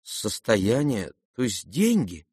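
A man voicing a gentle, timid young prince in an audiobook, speaking softly and hesitantly. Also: on the low side, wildly swooping pitch, husky, dry recording, studio quality, full character voice. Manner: soft, hesitant, halting.

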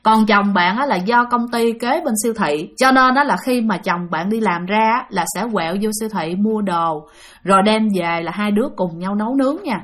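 A woman's voice: mid-range voice, normal speed. Southern Vietnamese woman telling ghost stories. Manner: chatty, addresses listeners directly. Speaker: storyteller. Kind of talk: ghost story narration.

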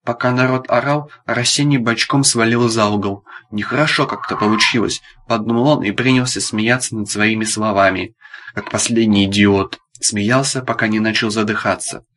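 A man reading an audiobook aloud, narrating in a darkly ironic, deadpan storytelling manner. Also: lowish voice, moderate pace. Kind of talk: scripted narration.

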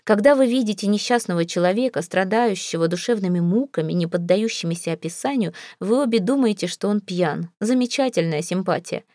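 A woman's voice: medium pitch, a little fast, hardly any pauses, warm tone, no room sound, studio quality, lightly acted. A woman voicing an exasperated, proud young husband in an audiobook, speaking with clipped, rising indignation. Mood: irritated. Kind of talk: audiobook character reading.

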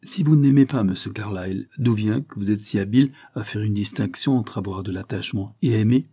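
Man doing blunt probing earl, low husky voice, warm dark tone, audiobook. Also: fairly quick. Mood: stern, probing. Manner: pointed, questioning, rising emphasis.

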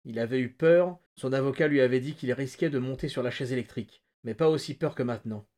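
A man, a podcast host, reading a novel excerpt aloud in a measured, steady narration. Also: medium pitch.

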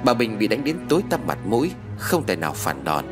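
A man narrating a dramatic village story in an expressive, vivid way. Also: fairly low pitch, quick pace, music in the background.

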